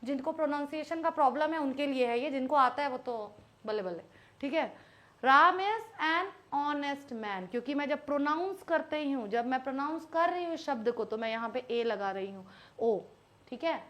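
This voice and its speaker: A woman teaches English grammar in a live online class, speaking Hindi mixed with English. She's patient, slowly repeating words so they stick, with a high-pitched, fairly bright voice and lively intonation.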